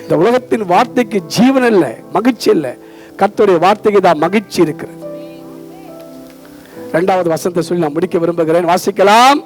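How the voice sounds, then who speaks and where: A man with a Tamil accent preaches a fervent sermon in a strikingly high voice. He calls out to his listeners again and again and echoes their readings back to them. Soft music plays beneath him. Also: a little fast, long pauses. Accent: Tamil Nadu. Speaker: pastor.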